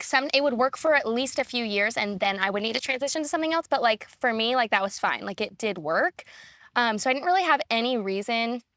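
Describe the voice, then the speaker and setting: A young woman guest chatting casually on a podcast, filling her talk with "like" and quick asides. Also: on the high side, fairly bright tone, dry recording. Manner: chatty, many "like" fillers. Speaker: guest, assistant. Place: farm, recorded on location.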